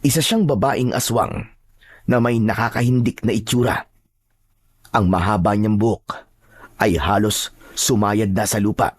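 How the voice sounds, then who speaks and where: Dude narrating a scary first person story, husky voice, dry close sound. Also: male voice, on the low side, steady tone, a little slow, pauses often, dry recording.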